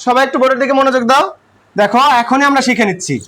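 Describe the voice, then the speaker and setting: A man's voice: very high-pitched, racing, pushed and bright. A man with a Bangladeshi accent teaching English grammar to a class, asking questions and repeating the answers.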